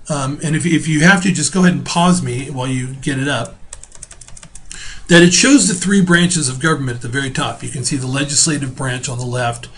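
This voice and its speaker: A middle-aged man teaching a relaxed recorded video lecture from home, talking casually with fillers and restarts. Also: medium pitch, a little hiss or hum. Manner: spells out terms slowly.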